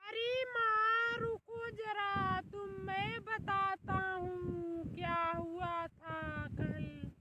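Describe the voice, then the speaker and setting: A man's voice: extremely high pitch, level tone, very slow, few pauses, heavily acted. A man playing a young son in a comic short film, hurriedly explaining to his mother. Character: young adult son, calm peacemaker. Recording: loud background noise.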